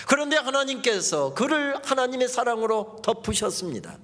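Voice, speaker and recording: A male pastor preaching a lively revival sermon, often dropping into playful dialect quotes. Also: high voice, in a large hall.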